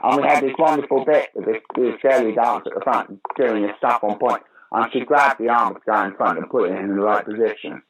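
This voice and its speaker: Fairly quick and with hardly any pauses, an older man speaks at a medium pitch. He's a British actor and pantomime director, chatting informally in an interview and bringing his anecdotes to life with acted quoted voices. The recording sounds dull and lo-fi, with faint noise.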